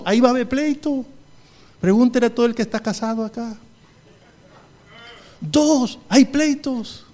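A middle-aged male pastor preaching a sermon with emphatic repetition, humorous asides and wide swings in pitch. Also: mellow.

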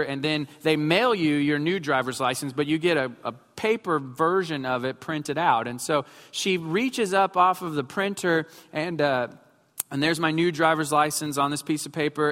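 A man's voice: fairly high pitch, a bit bright. Humorous man in his thirties preaching. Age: 30s. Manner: humorous storytelling, building to emphatic points. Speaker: pastor. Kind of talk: sermon. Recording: long hall reverb with faint music.

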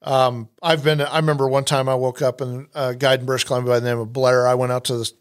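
A man's voice: mid-range voice, little pitch movement, fast. Rambling man hosting a hunting podcast. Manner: rambling, with frequent restarts and fillers. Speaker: podcast host and hunting outfitter. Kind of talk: casual podcast conversation.

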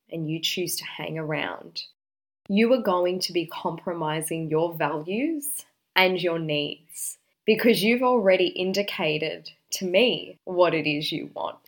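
A woman's voice: deep voice, fairly bright tone. A woman giving relationship advice in a confident, direct and emphatic way, like a dating coach talking to her audience.

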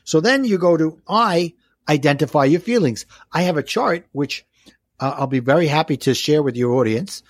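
A man's voice: on the high side, animated, normal speed, dry recording, clean studio sound. A man with a Brooklyn accent talking as a life coach in an interview, explaining step by step with rhetorical questions. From Brooklyn, New York.

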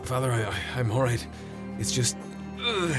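Man acting a pained, halting wounded friar. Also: fairly high pitch, expressive, lightly acted. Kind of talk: dramatized audio story acting. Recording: loud music under the voice.

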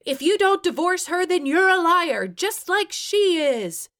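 A woman's voice: high voice, lively intonation, moderate pace, bright, forceful tone, pitched above the performer's own voice. A woman voicing a bitter, hysterical middle-aged mother-in-law who screams her accusations. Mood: shrieking.

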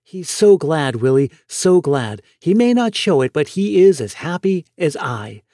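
A man's voice: fairly high pitch, sing-song, unhurried, no echo, studio quality. Man reading as a tender, pleading mother. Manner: soft, pleading, emotional. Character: loving middle-aged mother, tender and pleading.

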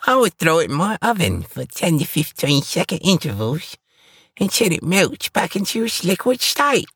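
A jolly village baker from a storybook, chatty and amused as he explains a simple fix. The voice sits high and husky with a gravelly edge, and it leaps all over the place. It is dry and close, with no room sound. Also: huge pitch swings, normal speed, fairly bright tone, no room sound, heavily acted. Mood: cheerful.

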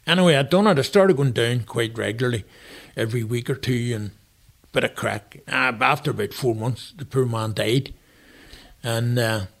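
Older northern irish guy rambling through stories, easygoing guest chat, mid pitch. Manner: rambling, anecdotal storyteller. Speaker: guest author and retired chef. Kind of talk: casual interview chat.

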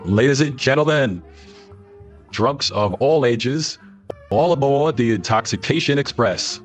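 A mock conductor , played by a man, hails the room in a grand, booming showman's call, pitched well above the narrator's own tone. Clear music plays behind him. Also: expressive, a little slow, natural voice. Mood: announcing. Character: mock train conductor announcing to drunks.

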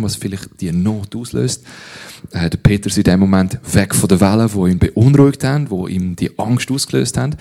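Swiss-accented man preaching, lower voice. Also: darkish tone. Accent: Swiss German. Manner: conversational, direct, with frequent rhetorical "hey" and "oder?". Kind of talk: sermon.

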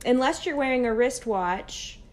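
A woman's voice: high voice, animated, measured pace, slight background noise. A woman in casual movie chat, talkative and laughing, who swears now and then.

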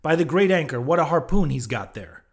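Man acting a loud, blustering old whaling captain. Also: a little high, lively intonation, a little fast, voice pushed up. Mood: hearty, excited. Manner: loud, hearty, commanding, old-fashioned seafaring talk. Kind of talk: audiobook character voice.

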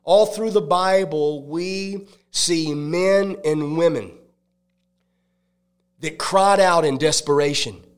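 A male evangelist giving a devotional sermon, emphatic and preachy, with dramatic pauses. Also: a little high, clean tone.

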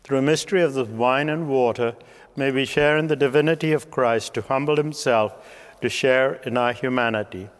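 Solemn priest praying in echoing church reverb. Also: male voice, mid-range voice, clean tone. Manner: solemn, measured phrasing. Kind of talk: liturgical prayer recitation. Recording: long cathedral-like reverb.

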